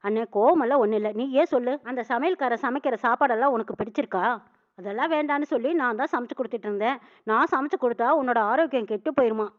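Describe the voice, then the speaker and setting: A woman runs through a serial episode at a brisk clip, her voice set high. She quotes each character's lines in turn and tags who said them. The sound is thin and boxy, like audio heard over a phone line. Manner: recounts dialogue quickly, quoting each character with tags. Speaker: serial recap narrator. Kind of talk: casual retelling of a TV serial episode.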